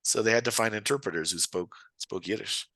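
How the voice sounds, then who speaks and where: A man's voice: fairly low pitch, brisk, bright, forceful tone, no echo. A man hosting a podcast, chatting casually and joking with rambling asides. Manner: joking, rambling, laughs often. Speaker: podcast host. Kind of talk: casual comedic chat.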